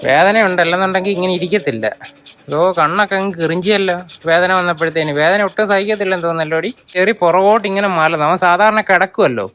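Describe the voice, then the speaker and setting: A man's voice: high voice, fast, a bit bright. A man in a casual home video, calling and soothing his dog in a coaxing, teasing way. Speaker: dog owner filming his pet.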